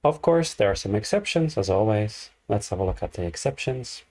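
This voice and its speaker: A man teaching an English grammar lesson, explaining slowly and repeating each example. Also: fairly low pitch, expressive, a little mellow.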